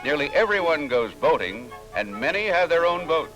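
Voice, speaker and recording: A man's voice: on the high side, sing-song, moderate pace, rough recording. A man giving vintage newsreel narration in an upbeat promotional tone. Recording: narration over loud music.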